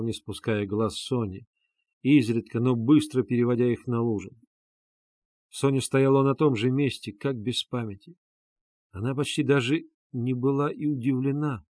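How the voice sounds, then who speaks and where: A man narrating an audiobook in a steady, measured reading voice. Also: mid-range voice, no echo, studio quality. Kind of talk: scripted narration.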